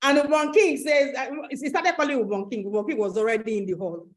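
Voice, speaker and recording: A woman with a Nigerian accent giving a motivational webinar talk, animated, repeating phrases and asking the audience questions. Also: fairly high pitch, quick pace, poor audio. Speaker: webinar host and coach.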